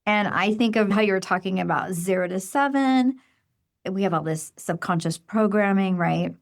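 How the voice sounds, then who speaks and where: A woman's voice: mid-range voice, moderate pace, vocal fry. A woman hosting a podcast, enthusiastic and affirming, jumping in with eager questions. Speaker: podcast host. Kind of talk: conversational podcast interview.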